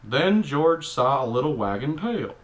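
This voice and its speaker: This man speaks at a medium pitch, very animated and unhurried, doing a grumpy middle-aged dad from Texas complete with the accent. He reads a picture book aloud but keeps stopping for blunt, irritated remarks with a bit of swearing. The whole thing is a comedic character reading laced with exasperated grumbling.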